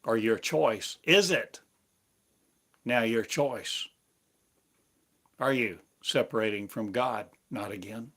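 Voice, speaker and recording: A man's fairly bright, mid-range voice carries a prophetic sermon spoken as God. He moves slowly and solemnly, with extended pauses separating each phrase.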